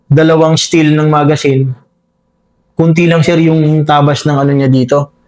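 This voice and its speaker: A man recounts a firefight in a halting, deferential way, peppering nearly every phrase with fillers and a respectful "sir". His voice sits a little high and stays fairly flat and even throughout. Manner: halting, full of fillers, says "sir" constantly. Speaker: soldier recounting a combat encounter. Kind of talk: spoken war story in an interview.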